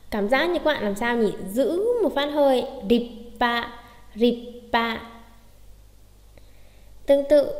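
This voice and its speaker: A woman with a somewhat high voice teaches step by step, often posing a question and then answering it herself. The room rings with a long, hollow reverb. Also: a little mellow. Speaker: Japanese teacher. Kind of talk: explaining lesson.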